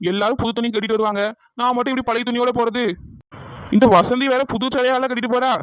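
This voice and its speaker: A woman's voice: fairly high pitch, no room sound, lightly acted. A woman voicing a scheming housewife. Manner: loud, fussing, fakes panic to get her way. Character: scheming village housewife, dramatic and wheedling. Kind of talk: cartoon comedy dubbing.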